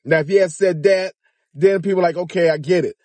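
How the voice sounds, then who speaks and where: Inside a car, a middle-aged man with a high-sitting, slightly mellow voice talks fast in a dry recording. His informal commentary is emphatic and challenging, full of incredulous rhetorical questions.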